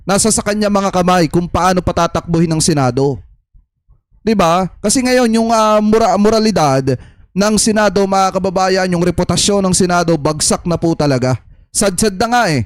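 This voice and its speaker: A man with a Filipino accent speaks in a notably high voice, talking straight to his viewers as a political commentator. His delivery is chatty and repetitive. The recording is dry and close, with no room sound. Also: normal speed, no room sound. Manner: addresses audience as "mga kababayan", chatty, repetitive.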